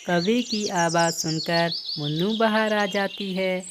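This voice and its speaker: A woman narrating a children's cartoon story in a plain, steady way. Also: fairly low pitch, a little slow, noisy background.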